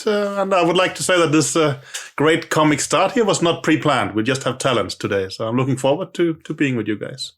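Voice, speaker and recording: A man's voice: fairly high pitch, a bit bright. A middle-aged man on a chess podcast, speaking in a hesitant, dry, self-deprecating way with many fillers. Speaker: chess coach, regular guest. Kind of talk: casual podcast chat.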